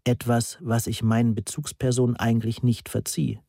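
A man reading a novel aloud as an audiobook narrator, dry and brisk. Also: mid-range voice, little pitch movement, creaky, dark tone, no echo. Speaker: audiobook reader.

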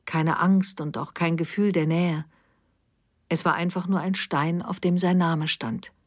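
Eine Frau liest ruhig und gemessen einen Roman als Hörbuch. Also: female voice, on the low side, no echo, studio quality. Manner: calm, measured storytelling. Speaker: audiobook reader. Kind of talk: literary audiobook narration.

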